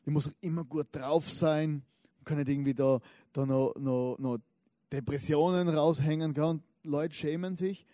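A married man preaching a relaxed, conversational sermon, telling stories in a lively way with frequent restarts and tag questions. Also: medium pitch, no echo, clean studio sound. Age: adult, married.

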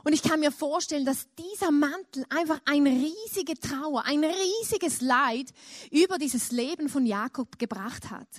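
A woman with a high voice preaches in an unhurried, deliberate way. She tells a story and climbs into dramatic emotional peaks. The sound is dry and close. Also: animated, no room sound. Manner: storytelling, with dramatic emotional rises into imagined cries. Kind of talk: sermon.

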